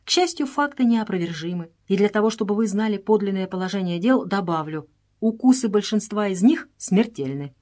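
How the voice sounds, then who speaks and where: A woman voicing a calm male doctor who speaks briskly and matter-of-factly in a storybook reading. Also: mid-range voice, close to an everyday voice. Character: calm, dry-witted male colonial doctor.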